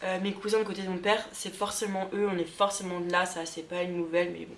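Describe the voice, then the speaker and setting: A woman from Lorraine in France talking casually to her viewers as a vlogger, chatty and excitable, thinking aloud with many fillers as she reacts. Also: lowish voice, quick pace, reverberant, slight background noise. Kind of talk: casual vlog reacting to results.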